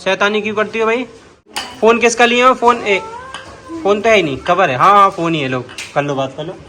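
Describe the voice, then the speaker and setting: Young man, Bundeli accent, family vlogger; high, bright, teasing tone; faint background noise. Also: a little fast. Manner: playful, teasing, sing-song with children. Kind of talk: casual family vlog narration.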